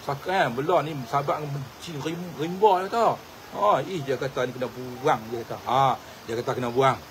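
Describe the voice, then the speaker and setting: A man's voice: mid-range voice, moderate pace, slight background noise, rough recording. A middle-aged man, telling folk stories in a casual, repetitive way and often addressing his listeners directly. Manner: repetitive, animated storyteller addressing listeners as tuan-tuan. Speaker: religious teacher and traditional healer. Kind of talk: casual storytelling to viewers.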